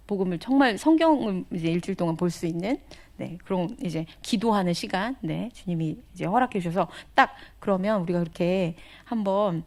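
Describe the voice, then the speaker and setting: A woman missionary giving a testimony sermon in a conversational, animated storytelling manner, sometimes dropping to whispered asides. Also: on the low side. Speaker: missionary speaker.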